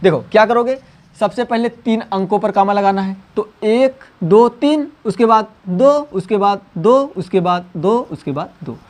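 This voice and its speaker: A man teaching math, coaxing students and repeating number names slowly. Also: sits high. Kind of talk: classroom lesson.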